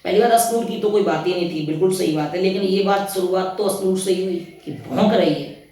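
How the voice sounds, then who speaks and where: A man's voice: sits high, fairly quick, warm tone, distant mic. A man reviewing a reality TV episode in casual talk. He rambles and retells scenes in his own words, often resetting with "anyway.". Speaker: reality show commentator. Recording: very echoey room, voice off-mic.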